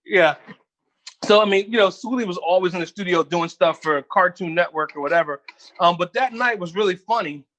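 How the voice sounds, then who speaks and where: A man's voice: high voice, a little fast, slight background noise. A middle-aged man from Philadelphia, a guest rapper, telling stories in a casual interview with laughter and frequent swearing. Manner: animated, laughing storyteller who swears freely. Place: home kitchen while cooking.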